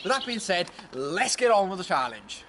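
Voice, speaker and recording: A man's voice: sits high, sing-song, moderate pace, very noisy. A man hosting a challenge video, talking casually to his viewers. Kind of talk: casual vlog talk to viewers. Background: music.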